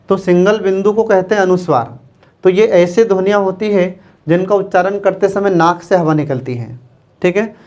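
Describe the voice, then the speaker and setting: A man's voice: high-pitched, a little mellow. A man teaching an exam-prep grammar lecture, repeating points and answering his own questions. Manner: repetitive, asks the class questions and answers them himself.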